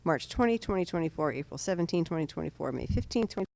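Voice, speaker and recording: Woman, nasal voice, clerk reading out notices, brisk and even. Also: on the low side, vocal fry. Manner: brisk monotone reading of dates and legal text. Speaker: board clerk. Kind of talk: reading public notices aloud. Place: town hall meeting room.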